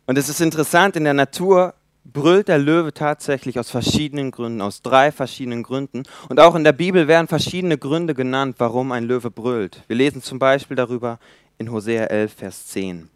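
A man in his twenties preaching a sermon in a church, emphatic, swinging between loud appeals and quiet asides. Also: mid-range voice, moderate pace, clean tone, dry recording, clean studio sound. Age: 20s.

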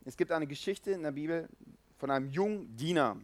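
Guy preaching, kinda high voice, dry close sound, super animated, acts out the bible characters. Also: brisk, no room sound. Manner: lively, animated, acts out quoted voices, swings loud and soft. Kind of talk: informal sermon.

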